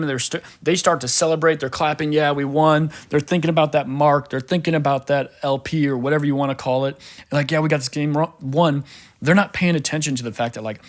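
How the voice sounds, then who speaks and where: A man commentating over a replay of his own gameplay as a coach, talking casually and animatedly, with lots of fillers and repeated words. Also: mid-range voice. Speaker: gaming coach.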